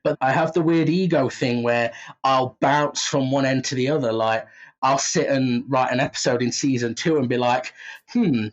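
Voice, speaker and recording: A man of medium pitch talks at normal speed in a casual interview, where he appears as the guest, a writer and creator of audio drama. Self-deprecating, he often acts out what he's thinking; the audio is somewhat dull and muffled.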